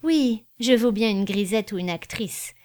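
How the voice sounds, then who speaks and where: A proud and emotional provincial baroness, voiced by a woman reader in an audiobook. She is moved but keeps a teasing, dignified edge. The pitch sits in the middle. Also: unhurried, a little mellow, lightly acted.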